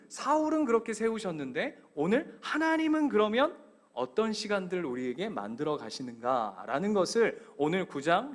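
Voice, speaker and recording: A male pastor preaching a sermon in a church, telling stories with energy and putting questions directly to the congregation. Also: high voice. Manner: animated storytelling. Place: church sanctuary.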